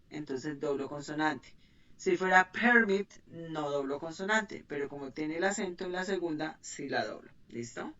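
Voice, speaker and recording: A woman with a lowish, fairly bright voice teaches an online English class, patiently explaining grammar. She checks that her students follow with "¿sí?" and "¿listo?". The audio is muffled, from a distant mic.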